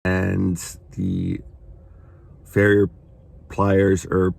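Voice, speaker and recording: A man in his forties with a creaky, hoarse voice and vocal fry, talking casually and haltingly to camera. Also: low-pitched, completely flat delivery, a little mellow, dry recording. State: hoarse, recovering from illness. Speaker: vlogger. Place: inside a parked car.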